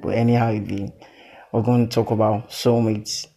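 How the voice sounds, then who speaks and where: A Nigerian-accented man hosting a podcast, chatting informally and playfully with animated teasing and Pidgin slang. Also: on the low side, normal speed, creaky. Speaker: podcast host.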